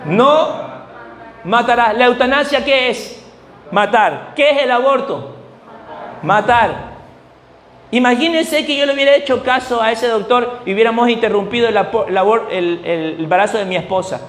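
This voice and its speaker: A male pastor with a Bolivian Spanish accent preaching a fervent sermon, firing rhetorical questions and rising to shouts. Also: very high-pitched, normal speed, echoey room, a little hiss or hum.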